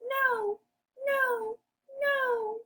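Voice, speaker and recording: A woman voicing scared little pigs for a storybook read-aloud, in a very high squeaky voice. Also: fairly even intonation, extremely slow, pushed and bright, full character voice. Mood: defiant. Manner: squeaky, shrill refusals. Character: three frightened little pigs, squeaky and stubborn.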